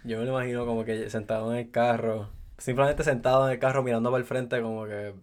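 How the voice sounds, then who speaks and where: A man's voice: medium pitch, flat delivery, fast talker. A young man, bantering casually and riffing jokes on a podcast. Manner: joking, riffs on the story. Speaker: podcast co-host.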